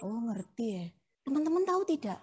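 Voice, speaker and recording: A woman's voice: sits high, sing-song, fairly quick, noisy background. A young woman teacher, playfully quizzing a puppet and the children in a lesson. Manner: playful, coaxing, asks children questions.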